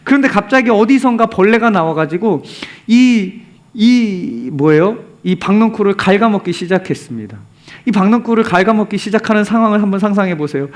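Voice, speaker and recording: A man's voice: high-pitched, expressive, a little fast. A male pastor preaching a sermon, telling the story with animation and asking the congregation rhetorical questions, sometimes dropping to a near whisper for emphasis.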